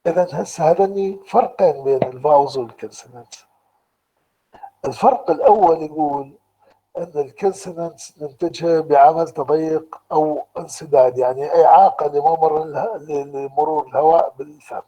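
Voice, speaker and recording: A man with an Iraqi Arabic accent giving a university lecture online, explaining slowly and deliberately and restating each point in two languages. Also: a little high, warm tone, rough recording.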